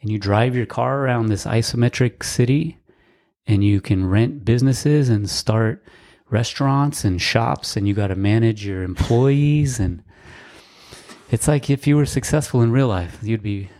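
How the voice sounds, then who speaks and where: A man's voice: mid-range voice, unhurried, a little mellow. A man co-hosting a casual podcast, talking in a laid-back, dry, rambling way with fillers. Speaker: podcast co-host. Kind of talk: casual chat.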